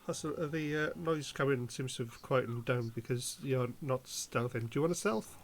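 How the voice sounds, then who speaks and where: A man running a tabletop game as game master, hesitant, with many pauses and restarts. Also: mid-range voice, slight background noise. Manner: hesitant, lots of ums and restarts.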